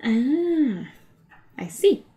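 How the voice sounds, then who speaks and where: A woman's voice: high-pitched, big pitch swings, extremely slow, warm tone. A woman, giving casual, chatty commentary on a card game match and laughing often. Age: 20s.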